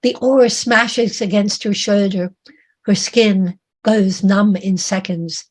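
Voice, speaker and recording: A woman author reading her own dramatic story aloud in a measured, vivid way. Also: medium pitch, fairly even intonation, a little mellow.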